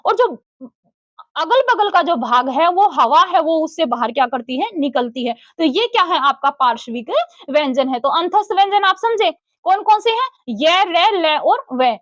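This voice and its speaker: A woman teaching a grammar lesson. She asks the class questions, answers them herself, calls her students "beta" and slowly sounds out letters. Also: very high-pitched, lively intonation, fairly bright tone, no echo, lo-fi sound.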